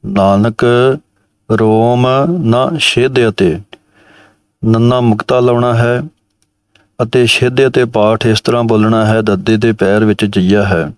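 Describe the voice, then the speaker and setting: A man with a low, smooth and even voice teaches sacred recitation at an unhurried pace. He chants each line in a measured way, then calmly explains how to pronounce it. The recording is dry and close. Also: no room sound. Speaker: Gurbani pronunciation teacher. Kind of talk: recitation lesson.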